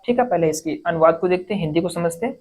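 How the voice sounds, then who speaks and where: Woman, grammar teacher, exam-prep lesson, step-by-step explaining, self-answered questions, slow careful reading. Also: lowish voice, a little mellow. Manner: reads English sentences slowly, word by word.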